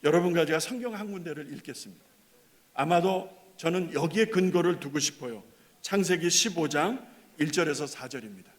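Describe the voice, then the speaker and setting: A man preaching a sermon as pastor, dramatic, swinging between loud bursts and hushed tender lines. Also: fairly high pitch, animated, a little fast. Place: church sanctuary. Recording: long hall reverb.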